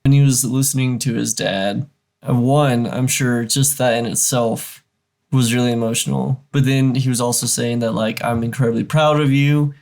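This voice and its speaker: Male reaction co-host, gravelly fry, loose rambling delivery, mid-range pitch. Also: steady tone, moderate pace, darkish tone. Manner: rambling, many "like"s and restarts. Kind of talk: casual reaction chat.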